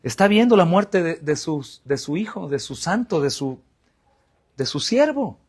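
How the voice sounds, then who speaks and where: A man's voice: on the high side, big pitch swings, a little slow, slightly rough. A male pastor with a Mexican Spanish accent preaching a sermon, asking rhetorical questions and answering them, often calling the congregation brothers.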